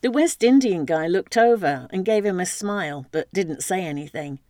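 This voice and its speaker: A woman narrating a story aloud with steady, lively storytelling. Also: lowish voice, moderate pace, no room sound, studio quality.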